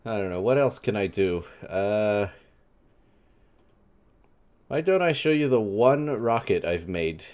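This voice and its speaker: A man's voice: fairly low pitch, lively intonation, slow pace, long pauses, darkish tone. A man in his twenties from New York, wryly rambling as he reads and answers chat on a live stream. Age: 20s. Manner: wry, rambling, reads chat aloud and reacts.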